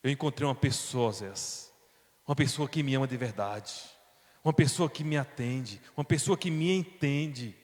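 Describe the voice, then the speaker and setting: A man voicing a defiant, unfaithful young wife who shouts that she is leaving her husband. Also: normal speed, long reverb tail, close to an everyday voice. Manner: shouting, high and cutting.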